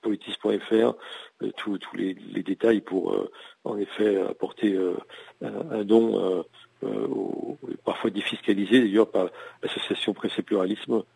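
Man, journalist, radio interview, dark mellow tone, husky, dry recording, halting with restarts. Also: lowish voice, steady tone, no room sound, low-quality recording. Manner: halting, many hesitations and restarts. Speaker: journalist and editorialist.

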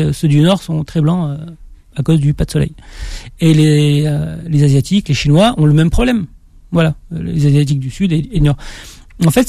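A young Frenchman with a faint Auvergne accent, an author, answers interview questions hesitantly, often restarting his sentences. His voice is fairly high, gravelly and dark, recorded dry in studio quality with no echo.

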